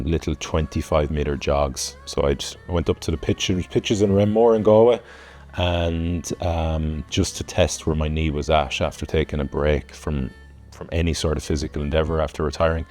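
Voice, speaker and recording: Very deep-voiced Irish man, reflective. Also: moderate pace, a little mellow. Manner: reflective, earnest, many ums. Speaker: former rugby player, ultramarathon finisher. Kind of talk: documentary interview.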